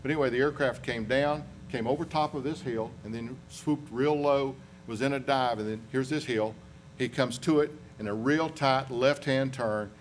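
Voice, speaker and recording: A man's voice: medium pitch, moderate pace, a little hiss or hum. A man with a Southern accent, an accident investigator, giving a folksy, rambling presentation to an audience with joking asides. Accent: Southern US, western North Carolina.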